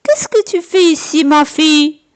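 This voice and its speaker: A sly big bad wolf, done by a woman telling the story, drawling each word slowly in a fake-sweet tone. He speaks a little lower than the teller's own voice. It is a storybook reading for children. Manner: slow, drawn-out and sly.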